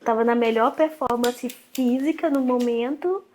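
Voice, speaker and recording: Animated Brazilian woman telling her story. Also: a little high, normal speed, a little hiss or hum. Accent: Brazilian Portuguese. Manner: animated, acts out quoted dialogue, frequent restarts. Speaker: guest. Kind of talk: personal storytelling in conversation.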